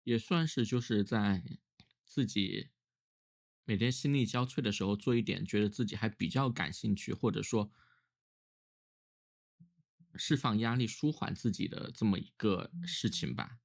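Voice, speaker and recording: A man's voice: fairly low pitch, unhurried, creaky, pauses often. A man who is ill with a cough, talking casually and reflectively on his own in a weary, musing way, as a solo vlogger.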